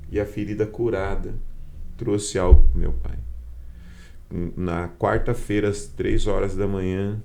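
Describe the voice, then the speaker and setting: With a warm, fairly low voice, a Brazilian Portuguese-accented man shares his personal testimony as a bishop guest on a podcast. He tells it with feeling and performs the dialogue he quotes.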